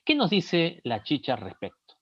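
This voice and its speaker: A man's voice: fairly high pitch, wildly swooping pitch, normal speed, no echo, highs cut off. Peruvian man giving a lesson. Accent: Peruvian Spanish. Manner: didactic, explains song lyrics by reading them aloud. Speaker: lecturer. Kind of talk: recorded lesson.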